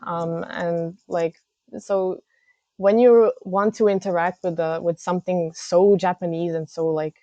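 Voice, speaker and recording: A woman's voice: on the low side, steady tone, a little slow, mellow, no room sound, muffled recording. A young woman from Serbia, a guest in a casual interview, speaking hesitantly with many fillers and restarts. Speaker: guest, games news editor.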